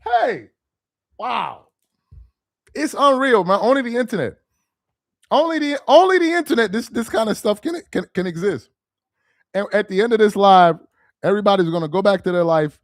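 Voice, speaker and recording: This livestream host is a young Nigerian-heritage man with a high voice who talks at normal speed but pauses often. He reads out chat comments, laughing, exasperated and lively, and addresses viewers directly. The sound is clean studio audio with no room tone.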